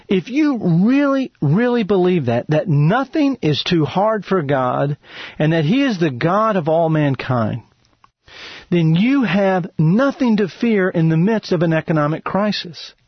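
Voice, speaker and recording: A man's voice: sits high, very animated, measured pace, husky, dry recording, dull audio. A man hosting a radio show, teaching from the Bible in an earnest, emphatic preaching style, lifting his voice to stress a point.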